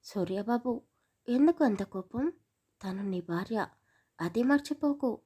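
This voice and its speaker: A woman's voice: a little high, animated, measured pace, mellow, breathy edge. A woman voicing a kindly, fussing village grandmother who speaks in a fretful, pleading way in a storybook.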